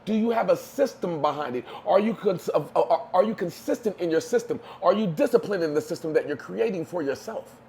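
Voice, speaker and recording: A man's voice: high voice, animated, fairly quick, hardly any pauses, a little mellow, a little hiss or hum. A man giving emphatic, preachy motivational talk on a podcast, using street slang. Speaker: podcast co-host.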